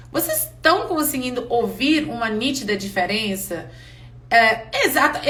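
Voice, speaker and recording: Candid woman teacher, high voice, non-native Portuguese speaker, chatty live class. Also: fairly bright tone. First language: not Portuguese. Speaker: English teacher.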